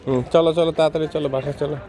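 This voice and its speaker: A man, chatting gently with his small child outdoors and coaxing him along with soft hums. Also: fairly high pitch, flat delivery, racing. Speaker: father and vlogger. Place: outdoors by a river. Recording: noisy outdoor recording.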